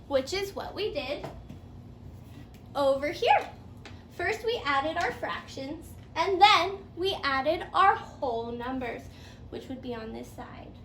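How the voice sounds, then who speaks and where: In a high, pushed, bright voice, a woman works through a playful fairytale math lesson in small steps. She keeps her pupil engaged with lilting questions and repeated answers. The room sounds echoey, with faint background noise.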